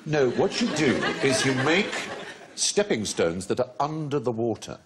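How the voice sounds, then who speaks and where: A man's voice: mid-range voice, sing-song, unhurried, over a noisy crowd, very noisy. A man hosting a comedy panel quiz, explaining facts in a wry way and laughing often, in a TV studio. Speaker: quiz show host. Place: TV studio with audience.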